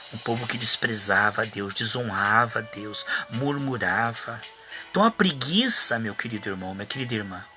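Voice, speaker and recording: A man with a Brazilian Portuguese accent preaching a live sermon as a pastor, mimicking whiny churchgoers in high voices. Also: sharp tone.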